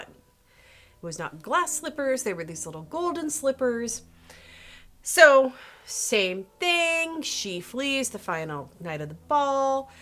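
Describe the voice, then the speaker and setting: Hosting a video, a woman tells a story in a casual, comedic way, animated and sarcastic, with playful asides and frequent self-interruptions. Her voice is lowish.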